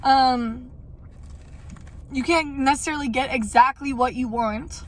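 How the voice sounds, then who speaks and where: A woman's voice: high-pitched, a little slow. A young woman talking casually and candidly in a rambling life-update vlog, with some mild swearing. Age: young adult. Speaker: vlogger.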